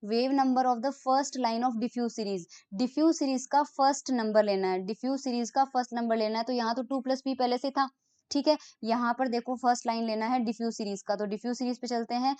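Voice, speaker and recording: Clear-voiced woman lecturing step by step. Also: a little high, darkish tone, no room sound. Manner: explains step by step, reads English definitions slowly, then restates them in Hindi. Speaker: physics lecturer. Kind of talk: recorded online lecture.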